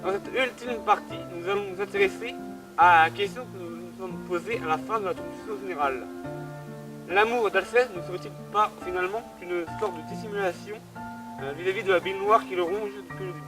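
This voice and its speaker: Young guy w a high voice doing a chill book explainer, lots of euhs and little jokes, music playing under him. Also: expressive, a little fast, poor audio. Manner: jokey, self-mocking asides and many hesitations. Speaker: host. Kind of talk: casual literature explainer video. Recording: clear background music under voice.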